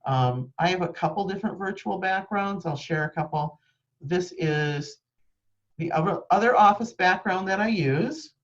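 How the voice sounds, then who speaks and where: A woman with a lowish voice runs a live video-call training from her home office, which has a green screen. She explains things in a practical way at a moderate pace, with lots of ums. Her webcam microphone gives a muffled sound.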